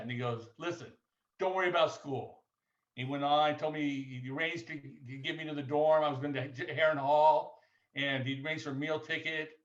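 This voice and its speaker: A man in his sixties telling a halting, rambling story of his student days on a video call. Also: fairly high pitch, a bit bright. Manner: halting, rambling, many restarts. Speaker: former athlete sharing memories. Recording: echoey, distant, dull video call audio.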